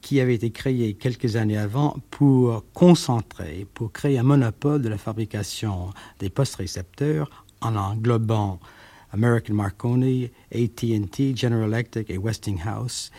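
A man speaking in a measured documentary style, with occasional fillers, on an archive radio recording. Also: lowish voice, warm tone, slightly rough, no echo. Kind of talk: explanatory radio documentary talk.

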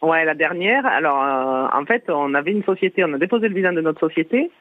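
A woman phoning in to radio from Toulouse, France, talks fast in a low voice with lively intonation and a southern Toulouse accent. The tinny line is dry, and she giggles and chats while explaining at length.

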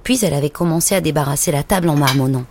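Low-voiced woman reading a children's story. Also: racing, noisy background. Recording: music playing underneath.

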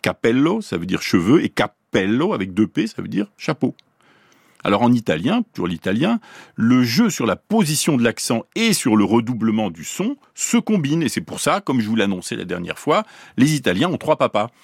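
A man from Paris giving a scripted radio explanation as a science columnist, in a clear teaching tone that slows down to pronounce examples. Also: medium pitch, big pitch swings, no room sound, clean studio sound. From Paris, France.

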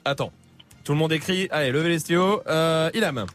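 Man, radio quiz host, high voice, teasing, filler-heavy, studio, faint music behind. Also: a bit bright. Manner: quick, playful, teasing, with many "euh" fillers. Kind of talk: lively radio quiz hosting.

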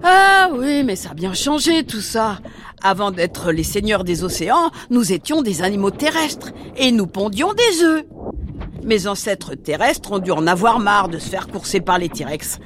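A woman's voice: medium pitch, big pitch swings, a little slow, a bit bright, slight background noise. A woman playing a brash, voracious mother mosasaur in a children's audio adventure, sassy and exclamatory. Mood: teasing, breezy.

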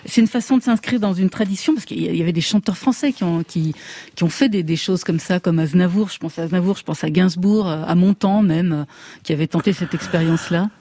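A male radio host with a mellow, warm tone. He introduces guests and asks questions briskly. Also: sits high, dry recording. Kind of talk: radio interview hosting.

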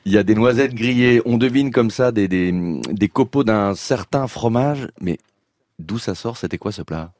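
A man's voice: mid-range voice, normal speed, darkish tone, no room sound. A man hosting a radio food show, chatting eagerly with his guests and laughing often. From France. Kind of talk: lively radio chat. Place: radio studio.

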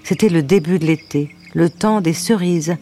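Woman storyteller, children's story reading, gentle, wry asides, faint background noise. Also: on the low side, normal speed.

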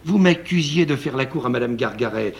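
A man's voice: mid-range voice, animated, brisk, creaky. A man voicing a sly young man who mocks his rival in a 1950s radio play reading. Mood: gloating. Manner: mocking, triumphant.

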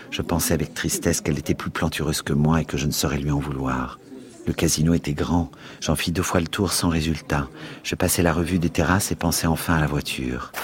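Very deep-voiced man reading a novel aloud. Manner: steady, expressive narration. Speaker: radio host and reader. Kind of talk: literary reading on radio.

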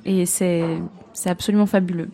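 A woman's voice: lowish voice, fairly even intonation, normal speed. A woman from Belgium with a light Belgian French accent, an opera singer chatting as a radio guest, hesitant and full of restarts. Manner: hesitant, many fillers and restarts, laughs easily. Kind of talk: casual interview chat. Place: live radio show before a public.

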